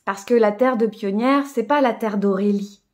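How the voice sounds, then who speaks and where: A woman hosting a live coaching stream, speaking in a reflective, spiritual way with many fillers and soft laughs. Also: medium pitch, normal speed. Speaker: host of a live coaching session. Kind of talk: casual live stream talk, greeting viewers.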